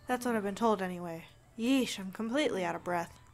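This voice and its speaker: A woman's voice: medium pitch, moderate pace, pitched below the performer's own voice, close to an everyday voice. A woman voicing an elderly male traveling artist who is cheerful and chatty, with a friendly, eager storytelling tone. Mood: weary.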